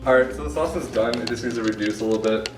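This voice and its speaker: Man, tipsy giggly rambling, casual cooking host, rapid speech, music behind. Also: medium pitch. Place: indoor kitchen. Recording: echoey kitchen, far from mic, background music. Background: music, clattering pots and pans.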